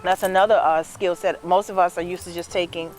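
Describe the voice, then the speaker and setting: A woman's voice: fairly low pitch, steady tone, fairly quick. A woman around fifty, chatting as an interview guest and telling her story with many "you know"s. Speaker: guest, dress business owner. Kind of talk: casual interview chat.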